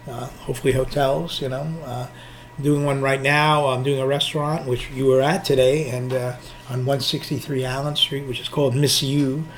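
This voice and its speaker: Man, New York Queens accent, casual interview guest, mid-pitched, noisy room. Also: little pitch movement, normal speed. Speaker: interview guest, nightlife veteran. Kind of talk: casual chat. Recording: roomy echo, clearly noisy ambience.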